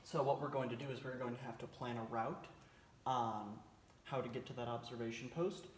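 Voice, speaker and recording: A man's voice: mid-range voice, brisk. A man with a mid-range voice explains a military drill informally. He is plain-spoken and slightly hesitant, going step by step. The sound is roomy, with light noise behind him. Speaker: military cadet team instructor. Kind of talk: informal instructional briefing. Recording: roomy echo, faint background noise.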